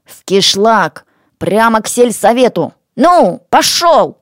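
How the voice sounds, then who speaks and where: A woman's voice: mid-range voice, lively intonation, measured pace, dry recording, clean studio sound, natural voice. Woman playing a bossy boy posing as a demon. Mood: commanding. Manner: commanding, gruff. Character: bold invisible village boy posing as a demon.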